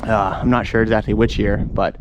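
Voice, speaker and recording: Against a noisy background, a man with a lowish, steady voice speaks fairly quickly. He's a travel vlogger on foot outside, casually explaining things on the fly in a chatty, easygoing way.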